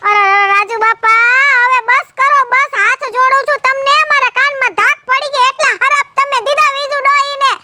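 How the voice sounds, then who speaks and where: A woman's voice: very high-pitched, fairly even intonation, brisk, few pauses, sharp tone, exaggerated voice. A woman playing a sympathetic village woman who pleads with an old neighbor in a chatty way. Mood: pleading. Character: soft-hearted young village woman.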